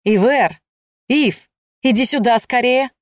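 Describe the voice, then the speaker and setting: A woman's voice: medium pitch, unhurried, a little mellow, dry recording, close to an everyday voice. A courteous young nobleman, read by a woman narrator, speaks politely and eagerly, a touch raised. The recording is close and dry.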